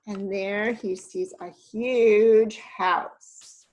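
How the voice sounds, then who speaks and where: A woman reading a children's story aloud, with lively asides and "um"s to her young listeners. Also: medium pitch, drawn-out words, slight background noise, rough recording.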